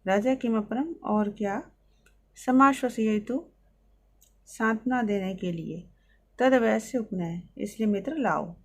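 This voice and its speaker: A woman teacher reading Sanskrit lines and explaining each one, in a steady line-by-line lesson. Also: mid-range voice, slow.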